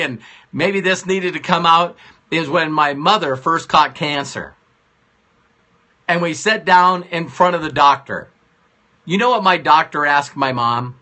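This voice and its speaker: A man's voice: on the high side, sharp tone. Earnest man giving a pep talk. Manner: earnest, pleading, repeats key phrases. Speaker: motivational broadcaster. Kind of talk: motivational live-stream talk. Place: home live stream. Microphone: phone.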